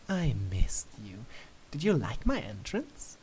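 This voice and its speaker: A man voicing a playful, teasing pony princess in a fan story reading, coy and demanding, with drawn-out hums. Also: medium pitch, wildly swooping pitch, a little mellow, slight background noise. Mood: sultry, content.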